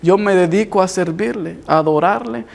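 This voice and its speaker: Man preaching with a gravelly, high voice. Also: normal speed. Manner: earnest, repeats phrases for emphasis. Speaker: pastor. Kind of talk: sermon. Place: church.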